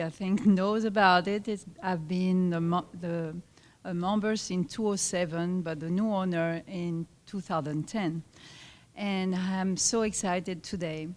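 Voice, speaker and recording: Slow-talking woman with a French accent. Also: fairly low pitch, darkish tone. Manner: halting, many fillers and restarts. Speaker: fitness club owner. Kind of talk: live event speech. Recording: reverberant hall.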